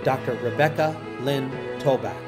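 At a graduation ceremony, a man with a medium-pitched voice reads out graduates' names in a formal roll call. He announces each one in a measured way while music plays underneath.

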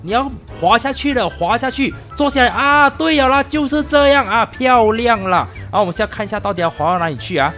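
A man's voice: extremely high pitch, animated, fairly quick, few pauses, a bit bright, soft background music. A man hosting a game video with playful, teasing showman patter. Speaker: host of a game mod video.

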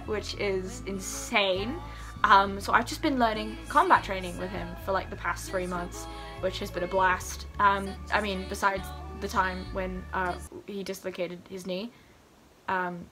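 In this poor-quality clip, a young adult student vlogger talks loosely and candidly to camera from her living room, with music in the background. She has a mid-range, steady voice and speaks at a normal pace.

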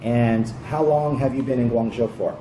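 A middle-aged man giving a casual English lesson in a tea shop, speaking slowly and simply and echoing his learner's words back to her. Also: mid-range voice. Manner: slow, simple phrasing, prompting and repeating a learner's words. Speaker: English teacher. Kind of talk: casual conversational English lesson with call-and-response drills. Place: indoor tea shop room. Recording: echoey room with background noise.

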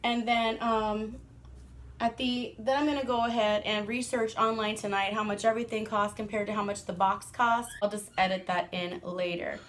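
A woman and mother vlogging a casual product review, chatty and excitable, laughing often. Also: medium pitch, normal speed, a little hiss or hum.

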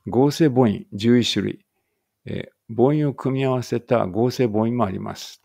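A man reading a language lesson aloud slowly and carefully, with muttered asides to himself. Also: mid-range voice, vocal fry, warm tone.

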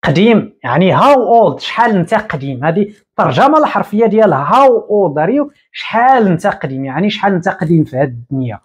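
A man in his thirties with a Moroccan Arabic accent, teaching English at a whiteboard and repeating each word slowly. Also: sits high, sing-song, husky, highs cut off. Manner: explains slowly, repeating words and drawing them out. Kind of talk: whiteboard lesson. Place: small room indoors at a whiteboard.

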